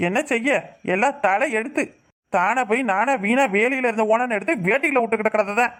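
A bright, fast-talking cartoon husband, voiced by a performer, grumbles on and on in a Tirunelveli Tamil accent. He is young, irritable and forever complaining about his wife, scolding in rapid bursts. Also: mid-range voice, close to an everyday voice. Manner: nagging, complaining rants. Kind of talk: cartoon voice acting.

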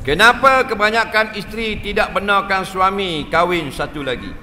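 A man teaches in a light, teasing way and keeps asking his crowd if they follow. His voice sits a little high and sounds bright. It echoes through a large mosque hall with a faint hiss underneath. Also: normal speed. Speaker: Islamic religious teacher. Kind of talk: humorous mosque lecture.

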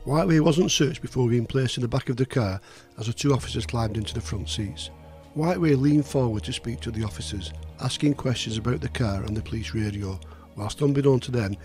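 A man narrates a true crime story in a sober, measured voice at a middling pitch. His delivery is steady and scripted. Faint music plays softly behind him.

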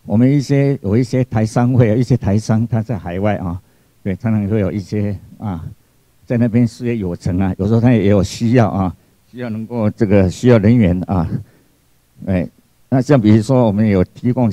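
A man's voice: on the low side, dark tone, no echo. A middle-aged man with a Taiwanese accent gives an informal official briefing into a handheld microphone, often tagging phrases with particles. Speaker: government official, speaker. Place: indoor seminar hall.

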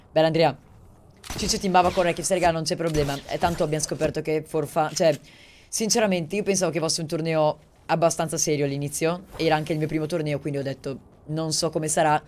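A male live streamer talks through his gameplay from home, keeping his voice deliberately low. His chat is casual and quick, with a steady stream of little asides. A faint hiss sits under the voice. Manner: talks quietly, holding back from shouting; chatty, rapid asides to viewers.

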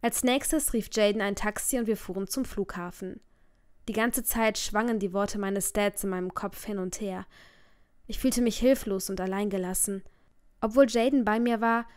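A woman's voice: medium pitch, a little mellow. A woman narrating a first-person audiobook in an emotive storytelling manner.

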